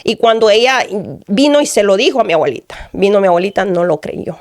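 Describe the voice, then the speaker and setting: A woman's voice: mid-range voice, expressive, fairly quick, no room sound, clean studio sound. A woman from Guatemala giving an earnest personal testimony, repeating phrases and often addressing the pastor. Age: adult.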